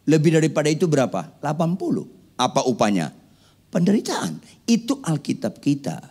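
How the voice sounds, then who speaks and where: Indonesian pastor preaching with lively pitch. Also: male voice. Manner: preaching with questions to the congregation. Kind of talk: sermon. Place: church.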